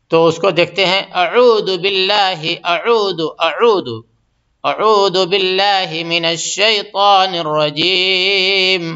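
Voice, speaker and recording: A man teaches Quran pronunciation in a patient, repetitive lesson style, drilling single sounds. His voice is bright and smooth. The recording is dull and lo-fi. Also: fairly high pitch. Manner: explains slowly, repeats sounds to correct pronunciation. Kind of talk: tajweed lesson with recitation examples. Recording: muffled lo-fi audio.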